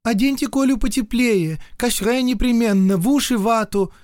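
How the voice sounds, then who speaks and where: A gentle young noblewoman, put on by a man reading aloud, soft and earnest in a pleading way. She is quietly stubborn. The storybook reading sounds dry and close. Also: on the high side, animated, normal speed, dry recording, voice pushed up, lightly acted. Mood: pleading, warm.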